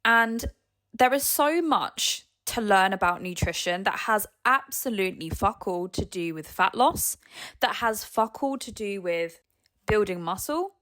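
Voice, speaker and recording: A woman's voice: mid-range voice, expressive, measured pace, a bit bright. Female solo podcast host, mid-range voice, casual and frank, cheeky with emphatic delivery and free swearing. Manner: candid, cheeky, swears freely. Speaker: podcast host and nutritionist fitness coach.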